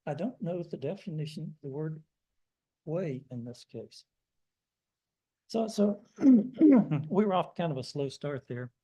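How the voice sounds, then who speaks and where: A man's voice: a little high, animated, unhurried, pauses often, dark tone, breathy edge, lo-fi sound. An older American man telling folksy, self-deprecating stories in a sermon. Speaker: guest preacher. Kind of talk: storytelling sermon.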